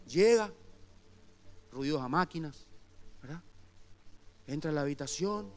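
A man preaching a sermon as pastor, telling a story with hushed asides and loud bursts. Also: a little high. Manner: animated storyteller, swings between hushed asides and loud outbursts. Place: church service.

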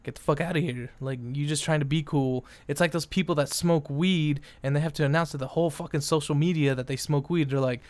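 Smooth, higher-voiced young man ranting. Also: fairly even intonation, a little fast, hardly any pauses, a little mellow, no echo. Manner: profane, rambling, exasperated. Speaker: vlogger. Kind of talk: casual opinion rant.

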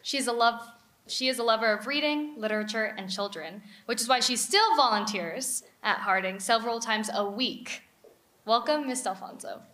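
A woman's voice: fairly high pitch, normal speed, noisy background. A young woman, a student MC, giving a speech at a podium microphone. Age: young adult. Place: outdoor courtyard event, at a podium.

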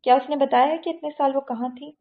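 A woman's voice: sits high, fairly even intonation, pitched above the performer's own voice. A woman voicing a powerful, angry middle-aged male tycoon who speaks in a commanding, stern way. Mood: cold. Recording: tinny phone-like audio.

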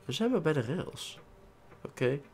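Excitable Dutch man yelping through a game. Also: on the high side, normal speed, slightly rough. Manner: excitable, swears and yelps at mishaps. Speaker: gaming let's-play host. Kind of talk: let's-play commentary.

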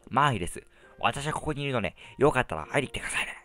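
A man's voice: medium pitch, animated, very fast, sharp tone. A man voicing a polite, friendly young girl ghost from a horror game's dialogue. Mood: chatty, mildly indignant.

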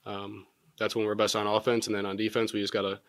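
A young man in his twenties, a college basketball player answering postgame press questions in a measured way with many filler words, seated at a table mic in a press room. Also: lowish voice, completely flat delivery, dry recording. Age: 20s. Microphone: table mic in front.

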